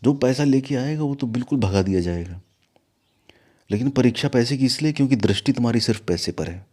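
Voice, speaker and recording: A man's voice: mid-range voice, a little fast. A man who runs an ashram, telling a story in an interview and turning to a scolding lecture. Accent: Hindi, from north India. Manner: animated, scolding at times. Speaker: guru of an ashram.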